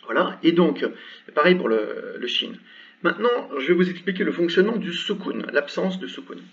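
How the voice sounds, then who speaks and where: A man teaching an Arabic lesson, explaining patiently and sounding out example syllables slowly with many hesitations. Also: on the high side, big pitch swings, a bit bright. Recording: dull sound from a distance from the mic.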